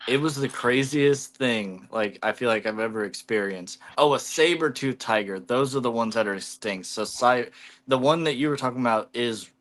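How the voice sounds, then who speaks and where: A man's voice: medium pitch, normal speed, fairly bright tone. A man hosting a casual livestream chat, telling rambling stories and swearing freely. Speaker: livestream host.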